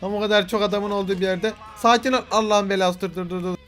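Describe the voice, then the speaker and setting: A man's voice: sits high, steady tone, fast, fairly bright tone, faint music behind. A young man doing playful, boastful gameplay commentary, joking and swearing at the game characters. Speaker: gaming video host.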